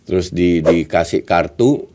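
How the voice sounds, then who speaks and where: A man's voice: deep voice, unhurried, dark tone, a little hiss or hum. A man with an Indonesian accent talking casually as a football pundit, dropping English phrases into his speech.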